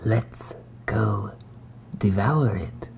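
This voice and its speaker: A woman voicing a hungry, boastful yet cowardly sock puppet creature in a comic puppet show, with a hushed, mock-sinister delivery. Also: a little slow, heavily acted. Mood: sly, sinister. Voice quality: husky, breathy, dark low voice.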